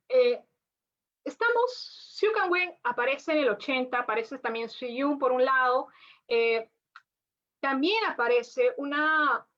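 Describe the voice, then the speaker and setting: Brief: woman lecturer, high voice, muffled lo-fi recording, chatty restarts. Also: fairly bright tone. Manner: frequent tag questions and restarts. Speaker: lecturer on literature. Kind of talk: academic lecture. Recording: dull lo-fi audio.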